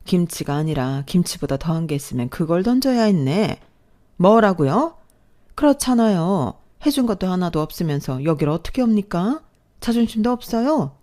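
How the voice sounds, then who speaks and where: A woman playing a scornful rich mother-in-law, haughty and cutting, soft mellow voice, storybook read. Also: medium pitch, lightly acted. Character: rich, sharp-tongued older mother-in-law. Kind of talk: storybook dialogue reading.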